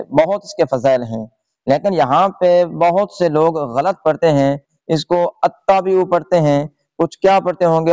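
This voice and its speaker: A man's voice: on the high side, darkish tone, no echo. A man teaching Quran reading in a tutorial lesson, patiently explaining rules step by step and checking in with his listeners. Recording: dry, slightly dull lo-fi recording.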